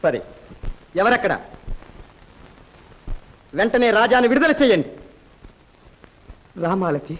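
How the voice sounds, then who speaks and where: A man's voice: high-pitched, big pitch swings, slow, pauses often, fairly bright tone, exaggerated voice, rough recording. An actor playing a scheming, lustful young nobleman villain in a 1950s film melodrama, declaiming in a pompous, menacing way. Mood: threatening.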